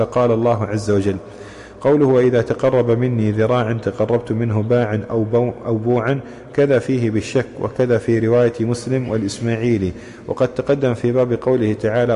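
Man reading flatly in an echoing mosque. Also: mid-range voice. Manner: steady recitation of quoted chains. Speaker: student reading the text aloud. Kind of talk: reading a classical commentary aloud. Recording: long reverb from mosque hall.

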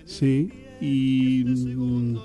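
A man hosting a community radio show, chatting in a relaxed, hesitant way on a studio microphone. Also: mid-range voice, extremely slow, faint music behind. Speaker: radio host. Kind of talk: casual radio chat.

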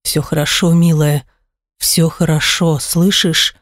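Lady doing a tough protective husband in an audiobook, voice dropped low, soft and held back, dry close sound. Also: fairly even intonation, measured pace, dry recording. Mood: tender.

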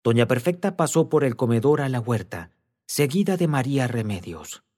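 A man narrating a classic novel as an audiobook with a slow, expressive, dramatic reading. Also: mid-range voice.

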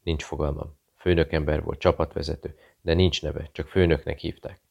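A man puts on a frightened barkeeper in an audiobook, a Serbian man who speaks in short broken phrases. He keeps his voice hushed and guarded. The voice sits very low with a gravelly edge. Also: flat delivery, muffled recording, heavily acted. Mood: fearful. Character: Serbian male barkeeper, nervous, secretive, broken speech.

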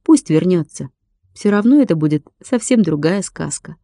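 A woman's voice: fairly low pitch, expressive, moderate pace, warm tone, no room sound, clean studio sound. A woman voicing a sensible young girl who teases a little and talks down to her friend. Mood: thoughtful. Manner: teasing, a little condescending.

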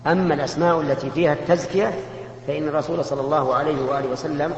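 A man, a religious scholar answering questions in a measured, explanatory way with rhetorical questions. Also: on the high side, steady tone. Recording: echoey hall, muffled lo-fi tape with faint hum.

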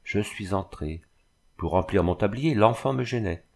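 Grief-stricken young peasant mother, read by a male narrator, low-voiced, anguished. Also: lively intonation, moderate pace, vocal fry, darkish tone. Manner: pleading, anguished storytelling.

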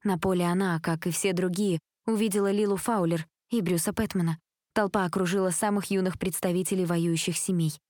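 A woman narrating a teen novel as an audiobook in a steady, even storytelling manner. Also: lowish voice, fairly quick, no room sound, studio quality. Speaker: audiobook reader. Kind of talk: scripted narration.

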